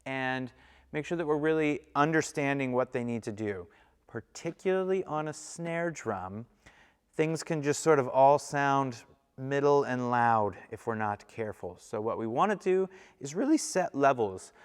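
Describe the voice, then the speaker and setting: A man's voice: medium pitch, lively intonation, measured pace, clear, resonant tone, big-room sound. A man teaching a snare drum lesson, explaining each step and counting and singing the rhythms aloud in an encouraging way. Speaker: percussion teacher. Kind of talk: instructional lesson.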